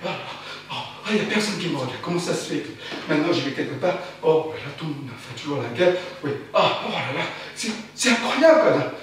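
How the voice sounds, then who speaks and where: A high-voiced man performs a theatrical spoken-word monologue, chanting the same words over and over in a frantic rush. He argues with himself in quick questions and answers, lurching from loud outbursts to hushed muttering. He sounds distant in a very echoey space with faint hiss behind him. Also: big pitch swings. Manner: frantic, repetitive chanting with sudden swings between loud and hushed.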